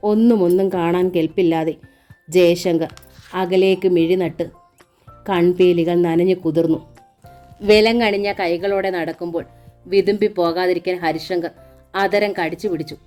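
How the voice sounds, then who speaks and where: A woman narrating a novel aloud in a steady, measured storytelling manner. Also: lowish voice, soft background music.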